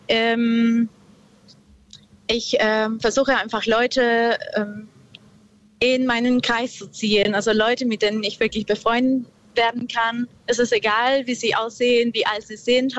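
A woman from Peru, calling in to a radio show from her car and speaking slowly and thoughtfully, with many pauses. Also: on the high side, fairly bright tone, dull audio. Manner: slow, thoughtful, hesitant. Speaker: caller. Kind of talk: radio call-in.

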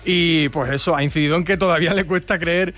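A man's voice: a little high, steady tone, fast talker, a bit bright, soft background music. A man reporting for a radio sports show in a conversational tone, with filler words.

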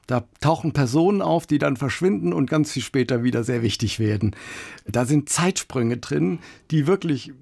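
A male radio host in a studio, introducing and questioning a guest author with a measured, deliberate delivery. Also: medium pitch, expressive, vocal fry, darkish tone, no room sound. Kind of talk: radio interview. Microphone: studio microphone.

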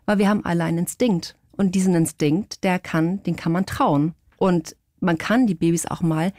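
A woman's voice: lowish voice, normal speed, dry recording, studio quality. A woman from Portugal, a guest and mother, chatting casually in an interview and acting out quoted dialogue as she tells her story. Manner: lively, acts out quoted dialogue.

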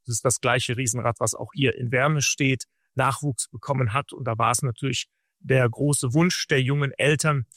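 Guy with a gravelly voice, calm steady explaining, dry studio sound. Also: medium pitch, no echo. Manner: measured, explanatory, long sentences. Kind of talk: radio interview answers.

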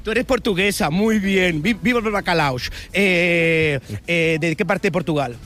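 A man's voice: sits high, fairly bright tone. A man with a Peninsular Spanish accent, a playful, chatty street reporter interviewing passers-by outdoors. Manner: chatty, playful, quick to joke. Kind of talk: upbeat street vox-pop interviewing.

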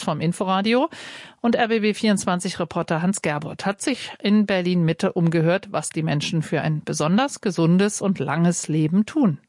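Low-voiced female radio presenter. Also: a little mellow, dry recording, clean studio sound. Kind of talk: radio program trailer.

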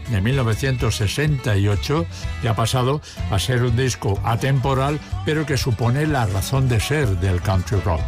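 A man presenting a radio music segment in a relaxed, informative way. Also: mid-range voice. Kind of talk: scripted radio music commentary.

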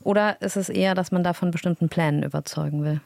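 A woman hosting a radio science interview, asking short, focused questions and listening closely. Her tone is dark and mellow. The studio sound is dry and close. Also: fairly low pitch, fairly even intonation, fast talker, gravelly, no room sound. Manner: brief questions, attentive backchannels. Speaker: radio host.

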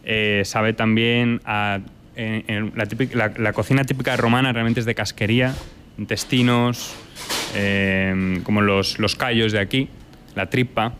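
A man's voice: on the low side, level tone, a little slow, fairly bright tone, a little hiss or hum. A young Spanish man, a chef and restaurant owner, answering interview questions thoughtfully with many fillers and restarts. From Spain.

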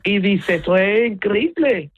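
A middle-aged Gibraltarian woman with a Llanito accent chats in a casual interview, flipping between Spanish and English mid-sentence. Her husky voice sits at medium pitch, with lively intonation and a measured pace. The line sounds tinny, like a phone call.

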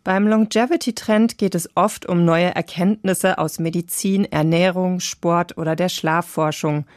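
A woman reading a calm, scripted science radio feature. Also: fairly low pitch, a little slow, no room sound, studio quality. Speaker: radio narrator.

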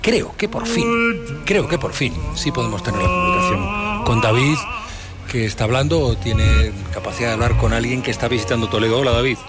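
A man hosting a live radio talk show, brisk and friendly as he passes to reporters and callers. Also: medium pitch, expressive, loud music behind the voice.

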